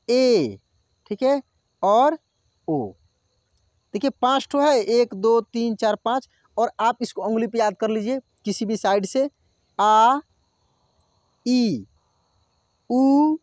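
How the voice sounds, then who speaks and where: A man's voice: very high voice, no echo, studio quality. A man teaching a Hindi lesson, patiently repeating each syllable and talking to viewers as friends. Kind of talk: online lesson, drilling syllables.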